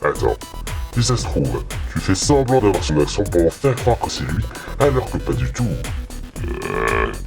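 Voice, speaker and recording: Man behind a gravelly voice-changer contestant, morphing pitch. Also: very animated, normal speed, music in the background, heavily acted. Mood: scheming. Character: contestant speaking through a voice modifier. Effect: voice changer shifting pitch up and down.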